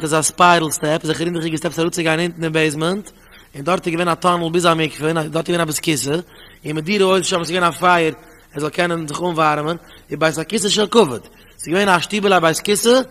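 A rabbi teaching a Talmud class in an animated style, with a fairly high voice. He reads out the source text, explains it and asks rhetorical questions. The recording carries a long, hall-like reverb. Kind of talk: Talmud study lecture.

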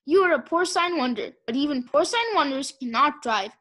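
Brief: fussy, gushing storybook gentleman, voiced by a woman reader. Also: high voice, animated, normal speed. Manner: effusive, gushing. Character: fussy doting elderly gentleman, pig owner.

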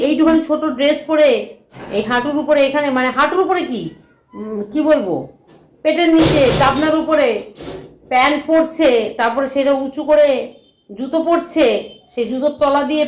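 A woman from ranting angrily to camera as a vlogger, scolding and insulting in repetitive bursts. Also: sits high. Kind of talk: angry rant to camera. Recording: echoey room.

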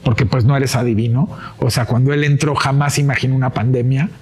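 A man's voice: mid-range voice, steady tone, a little fast, darkish tone, slightly rough. A man hosting an interview in a studio, talking expressively and gesturing with a handheld mic. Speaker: interview host. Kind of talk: warm-hearted studio interview chat. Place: studio set with bookshelves.

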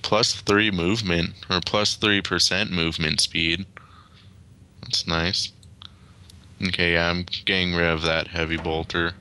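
A young man calmly commenting on a strategy game over a voice call. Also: sits low, a little slow, smooth. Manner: laid-back, flat commentary on loot and stats. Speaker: gamer host. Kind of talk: casual gaming chat over voice call.

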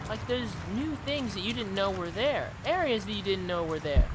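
A woman's voice: mid-range voice, expressive, moderate pace, very noisy. A woman hosting a gaming channel, giving casual, chatty commentary and thinking aloud as she plays. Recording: loud game audio under the voice.

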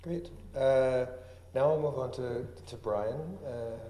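A man's voice: mid-range voice, fairly even intonation, takes it slowly, warm tone. A man moderating a festival panel, asking open questions in an easygoing way. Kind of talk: casual panel talk. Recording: roomy hall with faint noise.

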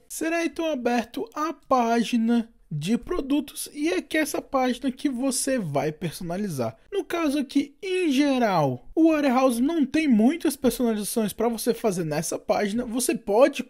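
A man from Brazil narrating a step-by-step screen-recorded software tutorial, explaining settings and giving his own recommendations. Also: very high-pitched. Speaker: tutorial host.

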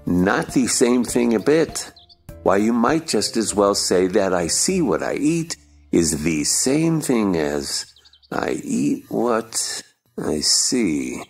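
A man playing an eccentric, argumentative Hatter in a stage play dramatization, with a slow theatrical drawl. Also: on the low side, sing-song, gravelly, slightly rough, faint music behind, exaggerated voice. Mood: cranky, odd. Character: eccentric, gloomy, argumentative Mad Hatter at tea.

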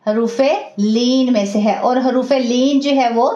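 Female recitation teacher with a high voice, patient and repetitive, warm with praise; echoey, dull recording. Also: fairly even intonation, a little slow. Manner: patient, repeats each rule step by step; praises students warmly. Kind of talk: tajweed lesson.

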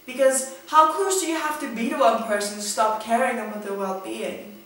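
A woman in her twenties, with a fairly high and slightly bright voice at normal speed, performs a spoken word poem in a dramatic, rhythmic style that swells into emphasis. She was recorded indoors in a small room on a camera mic, far from it, so the sound is very echoey.

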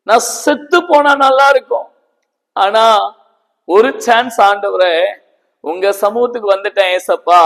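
A man's voice: very high-pitched, long reverb tail, low-quality recording. A preacher voicing a grieving childless woman in prayer. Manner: pleading, tearful prayer.

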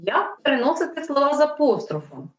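A woman gives a lesson to young children, stretching out each example word so they can follow. Her pitch rises and falls a lot as she explains. The sound is a bit dull and echoes as in a room. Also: very animated. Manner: slow, clear, drawn-out word dictation. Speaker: primary school teacher. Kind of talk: Ukrainian language lesson for children.

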